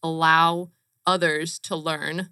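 A woman's voice: deep voice, little pitch movement, takes it slowly, sharp tone, smooth, dry recording, clean studio sound. A woman from Romania, a company co-founder, speaking earnestly and emphatically as an interview guest. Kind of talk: casual interview chat.

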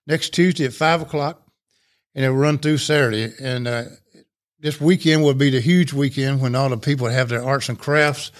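A man's voice: mid-range voice, moderate pace. A man, a club president talking at length as an interview guest in a folksy, rambling way. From Rome, Georgia, USA. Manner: talkative, folksy, rambling explanations. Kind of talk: casual interview chat.

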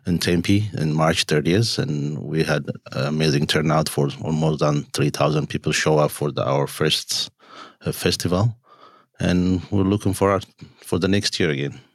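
A man from Ethiopia answering in a studio panel interview, halting and with many fillers. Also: extremely low pitch, fairly even intonation, no echo. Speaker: entrepreneur and nonprofit founder.

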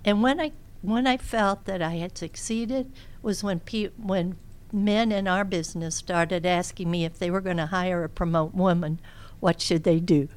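A very old woman in a reflective interview conversation. Her voice sits somewhat low and is smooth and resonant. She talks in a measured, anecdotal manner, as someone sharing long experience. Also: steady tone, a little mellow. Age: elderly. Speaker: interview guest, career coach.

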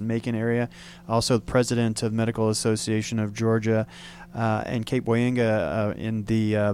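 A radio show host runs an interview, speaking at length, packing in fillers and restating what his guest says. His voice is mid-range with a darkish tone, and slight background noise can be heard.

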